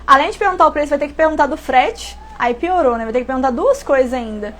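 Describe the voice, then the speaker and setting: A woman's voice: sits high, animated, quick pace, fairly bright tone. A Brazilian woman giving casual pricing tips as an online instructor, talking in a chatty way, often correcting herself and asking rhetorical questions. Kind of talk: casual live-stream tips.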